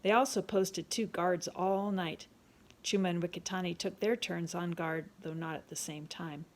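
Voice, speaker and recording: A grandmotherly woman over sixty reading a chapter book aloud in a calm, steady storytelling manner. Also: on the low side, moderate pace.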